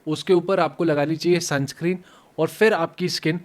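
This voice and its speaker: A man's voice: a little high, fairly even intonation, normal speed. A man dermatologist giving step-by-step skin care instructions, mixing in English medical terms. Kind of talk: medical explainer.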